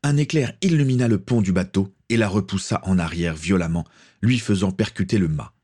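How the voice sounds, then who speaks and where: A man reading a pirate adventure story aloud, steady and dramatic. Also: deep voice, a little fast, slightly rough. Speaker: narrator. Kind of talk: storybook narration.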